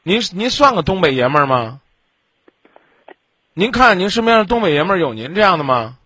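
A man's voice: high-pitched, sing-song, fairly quick, bright, forceful tone, no room sound. A man with a Beijing accent hosting a relationship advice call-in, bluntly scolding with rhetorical questions. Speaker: advice show host.

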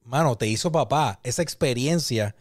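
A man's voice: medium pitch, normal speed. A young man, teasing his brother and joking in casual chat as a podcast co-host. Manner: teasing, boastful banter.

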